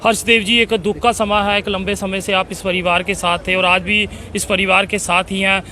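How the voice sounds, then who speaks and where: A man's voice: sits high, little pitch movement, moderate pace, sharp tone, slight background noise. A male reporter doing a formal field interview, often affirming the other speaker.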